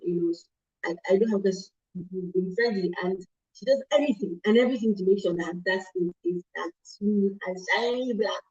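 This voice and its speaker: A middle-aged woman hosting a talk show, animated, with many asides and self-corrections. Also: mid-range voice, lo-fi sound. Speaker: host.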